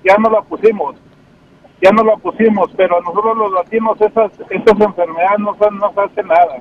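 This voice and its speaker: Un hombre que llama a la radio y cuenta chistes con la voz alterada por un filtro de teléfono. Habla enredado y repite palabras. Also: male voice, sits high, fairly even intonation, a little fast, a crowd in the background. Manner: rambling storyteller, repeats words. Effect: voice-changing filter on the phone. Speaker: radio caller. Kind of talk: joking call-in chat. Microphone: phone. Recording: dull phone line with faint noise.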